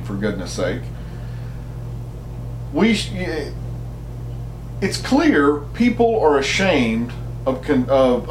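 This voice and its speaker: A man's voice: fairly high pitch, echoey room, a little hiss or hum. A man from the United States giving an argumentative opinion monologue, emphatic and often restarting his words. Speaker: commentator.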